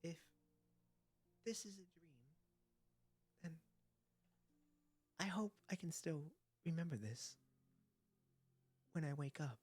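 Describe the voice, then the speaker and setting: An actress playing a fragile, gentle, dying female sea creature in a video game, with a breathy, wavering voice. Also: sits low, animated, slow, long pauses, heavily acted. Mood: fading, hopeful.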